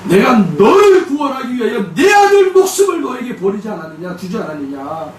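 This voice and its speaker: A preacher voicing God, solemn and pleading. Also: male voice, high voice, animated, moderate pace, darkish tone. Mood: forceful. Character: God speaking to a praying believer. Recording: echoey church hall, distant mic.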